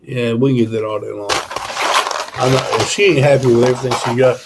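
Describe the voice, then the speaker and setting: A man's voice: mid-range voice, steady tone, fast talker, noisy background. A tired man, chatting casually with viewers on a live stream, rambling with lots of fillers. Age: 30s. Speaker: channel host.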